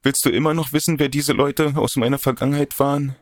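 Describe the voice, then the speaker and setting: A tearful, haunted young woman, as a man reading an audiobook puts her on, her voice raised well above his deep narration. She pleads between sobs, worried and secretive. The recording is close and dry. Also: little pitch movement, fast, no room sound, lightly acted. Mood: tearful pleading. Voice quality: higher, softer voice than his narration. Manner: sobbing, pleading.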